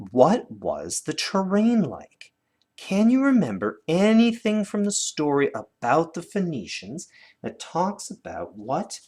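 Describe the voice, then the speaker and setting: A North American man with a mid-range, slightly rough voice presents a lesson to children. Sitting indoors at a desk, filmed from above, he does a hands-on demonstration and leads them along conversationally with questions.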